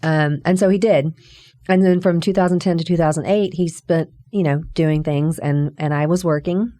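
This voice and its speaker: A middle-aged woman, a business co-owner, telling her story in a casual interview, animated, with many laughs. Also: normal speed, dry recording, studio quality. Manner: animated, acts out quoted dialogue with high pitch jumps; laughs often while telling stories.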